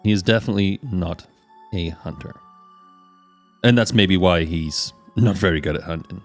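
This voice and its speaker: A man's voice: deep voice, moderate pace, faint music behind. A man improvising tabletop game narration as game master, informal and meandering in his delivery.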